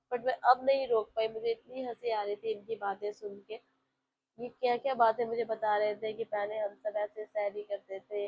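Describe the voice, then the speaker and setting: A woman with a medium-pitched, gravelly, husky voice narrates her day in a casual, chatty vlog voice-over, speaking straight to her viewers. The recording is slightly dull and lo-fi, with faint home ambience in the background.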